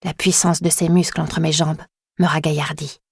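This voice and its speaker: Low-voiced woman reading a dark novel. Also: level tone, moderate pace, breathy edge, no room sound, clean studio sound. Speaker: audiobook narrator. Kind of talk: first-person scripted narration.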